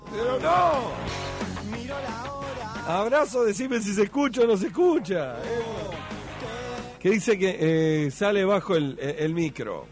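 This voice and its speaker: Uruguayan male morning radio host, high voice, easygoing chatter, faint music behind. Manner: chatty, thanks listeners by name, fusses over sound levels. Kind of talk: casual morning radio chat.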